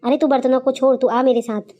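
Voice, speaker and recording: A gentle, wise older mother-in-law in a cartoon story, voiced by a woman. She talks quickly but soothingly, in a soft, mellow voice with a coaxing manner. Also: high voice, steady tone, lightly acted. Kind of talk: cartoon voice acting.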